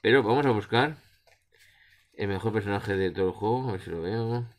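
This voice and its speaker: Low-pitched Spanish man in a roomy space. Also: fairly quick. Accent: Spain Spanish. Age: middle-aged. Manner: rambling, colloquial. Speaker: board game reviewer. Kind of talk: casual explanation of game rules. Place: small room indoors. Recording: roomy echo.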